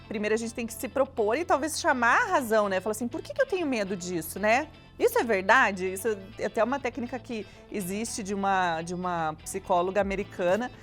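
A woman co-hosting a casual chat, animated, laughing often and talking straight to the listeners. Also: on the high side. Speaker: co-host.

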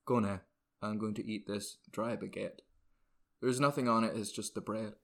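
A man's voice: lowish voice, fairly even intonation, normal speed, creaky, pitched below the performer's own voice. A man playing a brash, irritable, eccentric ad agency boss in a comedy script, volatile and blustering. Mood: deadpan boasting. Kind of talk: comedy script read aloud.

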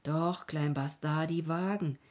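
A woman's voice: deep voice, steady tone, slow, a little mellow. A woman voicing a friendly, grinning male servant guide who talks in broken, simple phrases.

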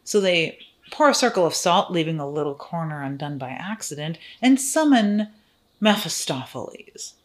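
A woman improvising a comic horror crossover tale, rambling wryly with fillers and asides. Her voice sits notably low. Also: expressive, moderate pace. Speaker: storyteller.

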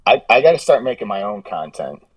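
A man's voice: lowish voice, very animated, a little fast, no echo, recorded from a distance. A man telling stories in a casual podcast chat, rambling and restarting his sentences as he goes. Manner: rambling, self-correcting storyteller with frequent restarts. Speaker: podcast guest, gym meme page creator.

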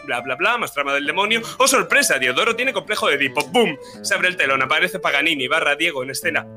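A man races through a recap of a tabletop role-playing session in short, clipped fragments. His voice is bright and lively, swooping up and down as he goes. Soft guitar music plays behind him. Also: fairly high pitch, fast. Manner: clipped telegraphic phrases with voiced bits. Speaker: player recapping the campaign. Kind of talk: rapid comic session recap.

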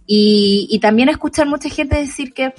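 A woman's voice: high voice, normal speed. A woman co-hosting a casual talk show, chatty and laughing often. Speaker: co-host. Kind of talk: casual chat.

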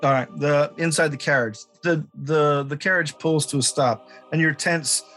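Guy running a tabletop game, slightly high voice, stop-and-start narration, faint music. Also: moderate pace, a bit bright. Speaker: game master.

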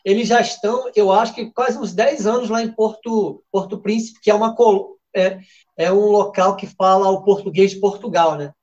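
On his live football betting show, this man talks in a casual, chatty way, with plenty of fillers and restarts. His high voice moves at normal speed with a slightly mellow tone, and the audio is lo-fi.

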